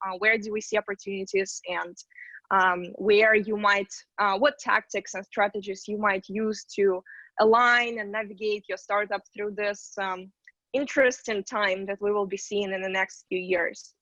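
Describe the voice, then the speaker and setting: A woman from Ukraine gives an upbeat online talk and fills her sentences with small pauses and fillers. The sound is dull and dry, like a computer mic on a video call. She has a mid-range voice. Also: medium pitch, steady tone, pushed and bright, dry recording. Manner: chatty, upbeat, many fillers. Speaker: investment banker presenting.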